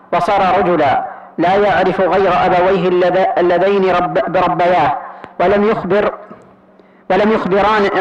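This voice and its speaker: A man reading a listener's question aloud to a scholar, haltingly, with restarts. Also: sits high. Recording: muffled lo-fi 1990s tape.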